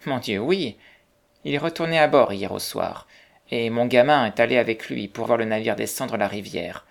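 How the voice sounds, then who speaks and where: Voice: medium pitch, moderate pace, gravelly, close to an everyday voice. A reader voicing a chatty motherly landlady. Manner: chatty, gossiping.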